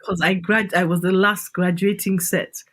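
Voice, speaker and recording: A woman's voice: fairly low pitch, flat delivery, moderate pace. A middle-aged Nigerian woman with a Nigerian accent, a guest on a podcast interview who talks emphatically and repeats her key phrases.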